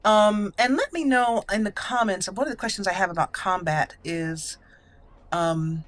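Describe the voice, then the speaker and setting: In a dry recording, a woman with a mid-range voice and normal pace narrates her gameplay as a let's play host. She thinks out loud casually, weighing each choice she makes.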